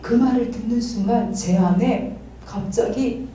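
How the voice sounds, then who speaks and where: A woman's voice: a little high, measured pace, warm tone, slight background noise. A middle-aged woman candidly sharing a personal testimony at a church study group, often laughing as she talks. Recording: distant mic in an echoey room.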